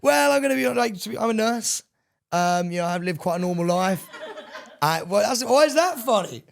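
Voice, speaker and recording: A man doing a high giggly woman nurse. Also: lively intonation, a little fast, vocal fry. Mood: playful. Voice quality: high put-on falsetto. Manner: giggly, fumbling for words.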